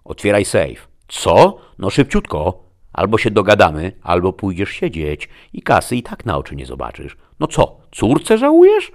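A man voicing a seductive, scheming woman who talks in a low, coaxing tone. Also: big pitch swings, moderate pace. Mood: bossy.

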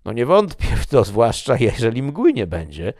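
A man doing a lively jovial young nobleman. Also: mid-range voice, normal speed, no echo, studio quality, voice pushed up. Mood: bantering. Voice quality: animated, exclamatory. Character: jovial, talkative young male nobleman, easily moved. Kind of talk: audiobook character reading.

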